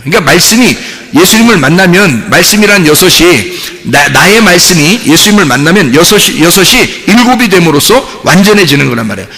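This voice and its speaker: Male pastor mid-sermon, gravelly, expressive, slightly high voice, in a reverberant sanctuary. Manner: animated storytelling, acting out prayers and replies. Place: church sanctuary. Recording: long hall reverb.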